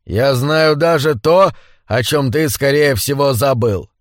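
A man voicing a haughty, bad-tempered old man in a wheelchair, domineering and prone to shouting, in an audiobook. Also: mid-range voice, measured pace, no room sound, clean studio sound, natural voice. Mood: menacing. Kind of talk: audiobook character voice.

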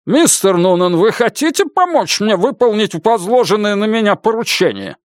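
A man voicing a pushy male lawyer who presses with sharp, needling questions. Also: sits high, very animated, normal speed, dry recording, clean studio sound, voice pushed up. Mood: irritated.

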